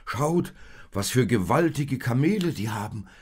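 A man voicing Joseph, a quiet, wondering father in a storybook reading, in a low, plain voice. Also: expressive, measured pace, breathy edge.

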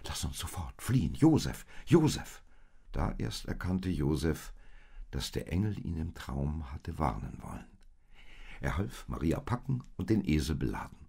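Gravelly, animated male storyteller. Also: rumbling low. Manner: expressive, dramatic reading. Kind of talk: storybook narration.

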